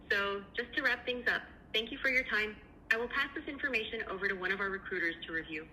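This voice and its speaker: An AI recruiter with a woman's very bright, forward, mid-range voice conducts a screening interview over the phone, with faint noise on the line. She talks quickly and stays polite, polished, and affirming.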